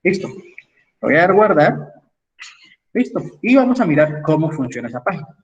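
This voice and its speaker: Man, online lecture, slightly high voice, distant muffled mic. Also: big pitch swings, moderate pace. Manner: explanatory, frequent "¿sí?" checks with students. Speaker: engineering lecturer. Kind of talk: online class with screen sharing.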